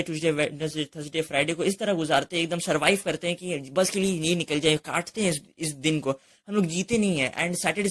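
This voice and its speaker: A young man giving an earnest motivational monologue, repeating phrases and urging the listener directly while mixing English phrases into his Hindi. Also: sits high. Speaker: motivational speaker.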